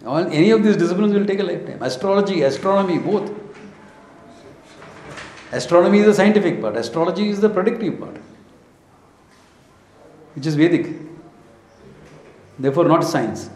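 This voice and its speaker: His voice is high, animated and a little mellow, moving at a moderate pace with long pauses. The man, a spiritual teacher with an Indian accent, tells stories in an informal scripture lecture in short, emphatic phrases, asks rhetorical questions, and switches into Hindi and Sanskrit, all in an echoey room.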